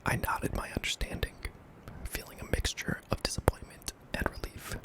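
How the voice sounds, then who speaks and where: A man narrating a scary story in a hushed, breathy ASMR whisper, deliberate and broken into short phrases. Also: low-quality recording. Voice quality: breathy, mostly unvoiced whisper with some creak.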